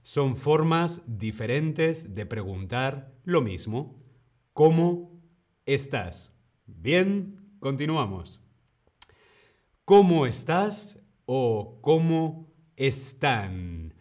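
A man's voice: medium pitch, sing-song, extremely slow, darkish tone. A man from Spain with a Spanish accent, teaching a live-streamed language lesson. He greets viewers eagerly, then explains patiently and repeats his examples.

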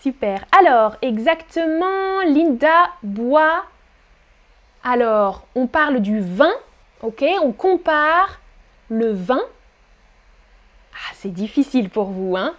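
Slow, high-voiced French teacher woman. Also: sing-song, fairly bright tone. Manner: slow, carefully articulated, repeating words for learners; reads out chat comments, encouraging. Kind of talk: live-streamed pronunciation lesson.

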